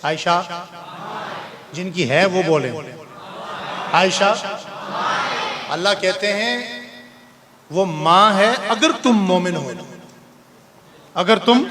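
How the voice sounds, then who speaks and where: High-voiced preacher with congregation behind. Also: male voice. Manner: storytelling, rhetorical questions to the audience. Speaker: mufti preacher. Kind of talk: conversational sermon. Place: mosque.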